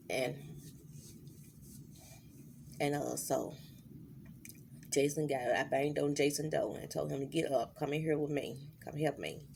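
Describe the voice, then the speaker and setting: Middle-aged woman, raspy low fry, anxious and halting diary vlog; faint noise. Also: a little mellow. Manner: halting, many fillers and restarts. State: worried, holding back tears. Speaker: vlogger.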